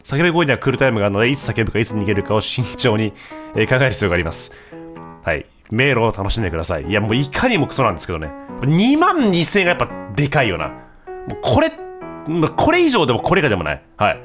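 A man doing casual, mocking gameplay commentary as a streamer, breaking into sudden loud outbursts. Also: mid-range voice, wildly swooping pitch, racing, faint music behind.

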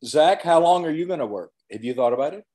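An older male physician with hiccups, interviewing gently and haltingly over a video call from a cabin. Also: fairly high pitch, expressive. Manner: gentle, halting, many restarts.

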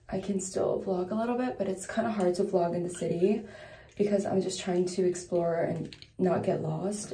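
A woman's voice: medium pitch, dark tone, echoey room. A young woman in her twenties narrating a casual travel vlog, chatty and upbeat. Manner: chatty, upbeat, run-on storytelling. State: groggy, just woke up, soft low voice. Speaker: travel vlogger.

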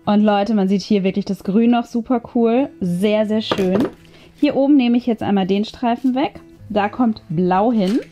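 Background music accompanies this craft video host, whose medium-pitched voice has a dark tone and moderate pace. She gives chatty tutorial commentary, musing aloud as she crafts, and the recording sounds muffled.

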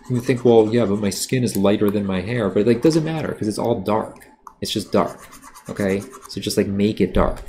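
A man with a low, gravelly voice talks through a drawing demonstration on a live stream, blunt and rambling with plenty of fillers. His tone is dark and mellow. A faint hiss sits under the recording. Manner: self-aware about sounding defensive. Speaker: art teacher. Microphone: streaming setup while drawing.

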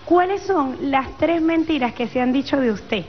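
A woman's voice: high voice, lively intonation, moderate pace. A middle-aged woman with a Venezuelan accent, hosting a studio talk show in a conversational style. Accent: Venezuelan Spanish. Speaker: radio and TV show host. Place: small padded radio studio. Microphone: close studio microphone, headset on. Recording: dull band-limited broadcast, faint music.

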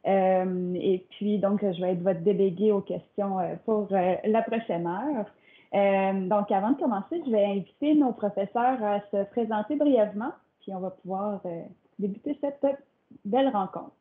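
A young woman moderates an online talk, with many filler sounds between her phrases. Her voice comes through thin and phone-like, as over a weak video call line. She speaks at a middle pitch. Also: normal speed. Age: young adult. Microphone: computer mic on a video call.

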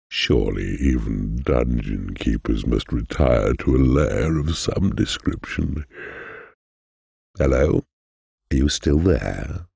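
An actor playing a huge, sinister demonic mentor in a video game, giving sardonic, drawn-out advice in a gravelly, husky growl. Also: male voice, a bass voice, dark tone, dry recording, clean studio sound, exaggerated voice. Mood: mocking, ominous, then sardonic, weary. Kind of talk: scripted video game narration.

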